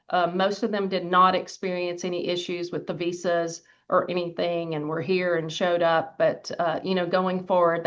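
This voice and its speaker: Low-voiced older West Texas woman. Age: 60s. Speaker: university official answering questions at a budget hearing. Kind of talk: informal spoken testimony. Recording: dull, lo-fi meeting audio.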